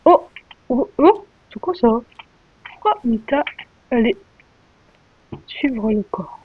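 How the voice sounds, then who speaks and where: A woman giving excitable gameplay commentary as a streamer, full of sudden exclamations. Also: high voice, takes it slowly, husky, no room sound. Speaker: gaming streamer. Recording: dull lo-fi mic.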